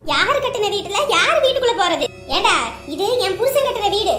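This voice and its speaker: A scolding, lamenting mother-in-law, played by a woman, who berates her son at length. Her voice is very high and shrill. It is recorded in a roomy, echoing space. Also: lively intonation, brisk, over music. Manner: loud scolding, dramatic lamenting. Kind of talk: comedy skit acting. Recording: roomy echo.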